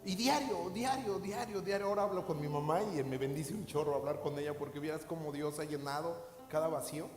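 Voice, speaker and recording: A man's voice: fairly high pitch, brisk, few pauses, a little mellow. A man with a Mexican accent, a pastor preaching a sermon with repetition and direct questions to the listeners. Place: church hall. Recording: echoey hall with faint music.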